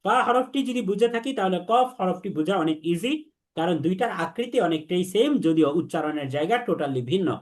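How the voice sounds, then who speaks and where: A young man teaching Arabic letter pronunciation, repeating sounds slowly for students to echo back. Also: high-pitched, animated. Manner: slow, repetitive drilling, has students repeat after him. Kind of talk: online lesson on Arabic letters.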